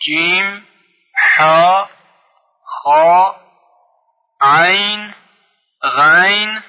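A man teaching a recorded lesson on reading the Quran. He draws out each example word slowly, then explains briskly. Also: a little high. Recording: dull lo-fi sound with long reverb.

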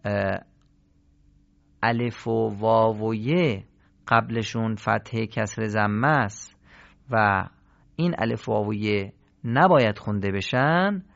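A man's voice: mid-range voice, gravelly, a bit bright. A man teaching a Quran recitation lesson, asking questions and answering them himself, drawing out example words. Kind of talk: recorded lesson. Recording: slightly dull lo-fi recording.

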